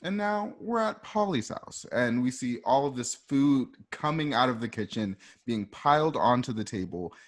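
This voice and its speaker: Narrating a radio drama, a man with a medium-pitched voice reads the scene directions casually and a bit haltingly, slipping in asides. His intonation is lively.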